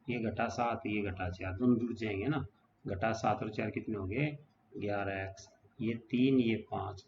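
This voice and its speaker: With a lowish, darkish voice, a male teacher takes students through equations one step at a time in a casual whiteboard lesson, frequently checking in with them. Dull lo-fi audio and faint background noise come through.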